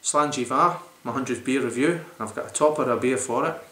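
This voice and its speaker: A man's voice: mid-range voice, brisk, sharp tone. A man in his forties, rambling enthusiastically with lots of fillers as he reviews a beer to camera in a small room. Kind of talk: casual beer review vlog. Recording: roomy echoey home recording.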